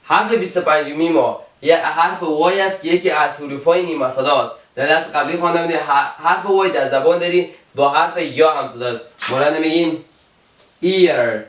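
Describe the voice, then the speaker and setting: A man with an Afghan Dari accent teaching English letter sounds, repeating each example word slowly. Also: a little high, fairly bright tone. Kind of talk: alphabet pronunciation lesson. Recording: roomy, from a distance.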